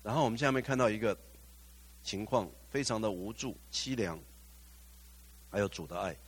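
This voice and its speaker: A man's voice: fairly low pitch, moderate pace, breathy edge. A male pastor preaching a sermon, putting questions to the congregation, slipping in English phrases and rising to fervent exclamations.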